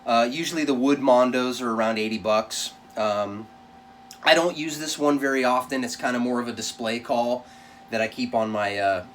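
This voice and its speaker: A man with a mid-pitched voice talks through a casual product review. He is plainspoken and conversational, like a reviewer speaking off the cuff. The voice sits a little way back from the microphone. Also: far from the mic, a little hiss or hum.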